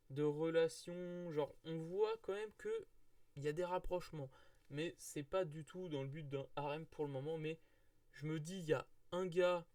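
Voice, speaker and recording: A man's voice: fairly high pitch, darkish tone, dry recording, clean studio sound. A man chatting casually through a manga review, rambling, with many fillers and restarts.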